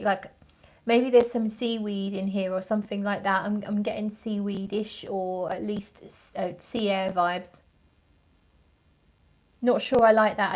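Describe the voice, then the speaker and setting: A woman's voice: mid-range voice, a little mellow, rough recording. Woman in casual, rambling livestream chat. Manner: rambling and conversational, searching for words. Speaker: fragrance reviewer and livestream host. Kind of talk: casual livestream chat, thinking aloud while reviewing scents.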